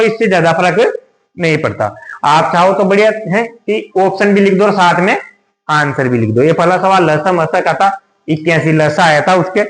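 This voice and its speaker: A man's voice: high-pitched, fairly bright tone. A man teaching a lesson on exam tips, often asking rhetorical questions and repeating himself. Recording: echoey room.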